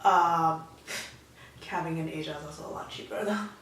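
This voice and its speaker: A woman's voice: deep voice, moderate pace, fairly bright tone. A woman, talking casually and with animation as a co-host while eating. She is picked up from a distance, and her voice rings around a very echoey room with a faint hum of noise behind it. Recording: echoey room, mic from far.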